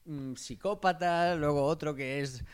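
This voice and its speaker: A man with a Catalan accent chatting casually and comically, full of wordplay and quick jokes. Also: fairly high pitch, clear, resonant tone. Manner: jokey, wordplay, bursts into playful put-on voices. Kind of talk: casual comedic chat.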